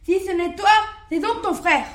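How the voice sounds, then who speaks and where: A woman voicing an angry male wolf in a recited fable, shouting loud accusations. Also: very high-pitched, normal speed, voice pushed up. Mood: furious.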